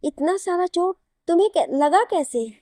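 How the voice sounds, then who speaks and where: A woman's voice: very high-pitched, lively intonation, measured pace, warm tone, dry recording, studio quality, voice pushed up. Woman playing an exasperated young wife. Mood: startled. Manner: scolding, exasperated.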